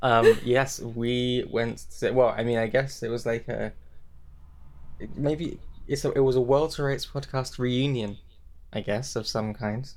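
A man's voice: mid-range voice, fairly even intonation, measured pace. A young man co-hosting a casual podcast chat, rambling with lots of restarts and fillers. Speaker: podcast co-host.

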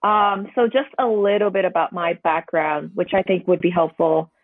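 On a tinny, dry phone line, a painter being interviewed for a conversational podcast speaks at a moderate pace with a steady tone and medium pitch. They are in their twenties, from Hong Kong, and grew up speaking Cantonese. The delivery meanders reflectively, with frequent hedging asides.

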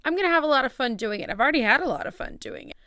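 Casual young woman podcaster, clear dry voice. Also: high-pitched, very animated, rapid-fire, bright, forceful tone, no room sound. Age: 20s. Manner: chatty, informal, with slangy asides. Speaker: podcast host. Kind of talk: casual true crime storytelling. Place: small closet at home.

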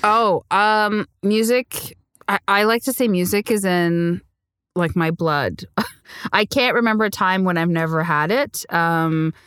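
Smooth-voiced woman telling her story. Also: medium pitch, unhurried, fairly bright tone, dry recording, clean studio sound. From Sri Lanka. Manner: reflective, earnest, laughs often. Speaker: singer-songwriter guest. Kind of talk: conversational interview.

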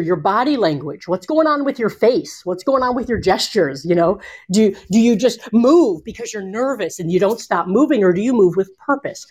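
A woman explaining communication skills in a conversational interview, animated and expressive, speeding up and slowing down for emphasis, speaking from home. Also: mid-range voice, husky. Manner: animated, expressive, shifting pace. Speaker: communication coach.

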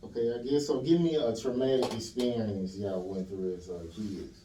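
A male host asks blunt, slangy questions in a loose conversation. His voice is mellow and dark. The room is echoey, and he sits away from the mic. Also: lowish voice, steady tone, moderate pace, distant mic, a little hiss or hum. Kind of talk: casual interview chat.

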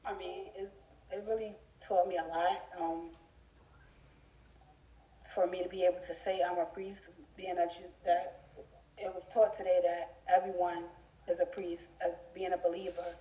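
A woman contributing to a Bible study discussion, speaking haltingly as she thinks aloud. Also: on the low side, little pitch movement, mellow. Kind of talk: spoken contribution in a group discussion. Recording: echoey room, distant from mic.

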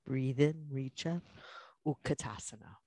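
Yoga teacher, slow breathing-coach delivery, short spaced cues for a guided class, dry sound. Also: mid-range voice, dark tone, no echo. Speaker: yoga instructor.

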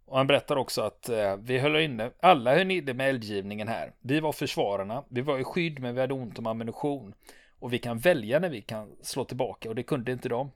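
A man hosting a history podcast, retelling a battle in a calm storytelling manner with many fillers and "va?" tags. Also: medium pitch, no echo, clean studio sound. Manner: calm storytelling, rising to excited when narrating combat. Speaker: podcast host.

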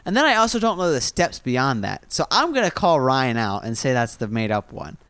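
Man, guest, teasing, jokey, swooping lively pitch, dry sound. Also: a little fast, smooth, no echo. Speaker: panel guest. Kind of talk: casual podcast chat.

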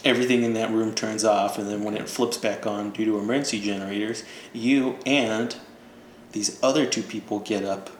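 A man with a lowish voice speaks at a normal speed in a steady tone, narrating as a game master. He's casual and loose, laughing and joking as he goes. The room is echoey, with faint ambient noise.

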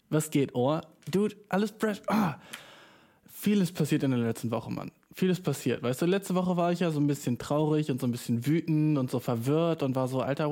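Slangy young man, warm mellow voice. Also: medium pitch. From Germany. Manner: slangy, mixes English words into German, animated outbursts. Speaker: podcast host. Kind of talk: casual solo podcast monologue. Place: small room, speaking into a microphone.

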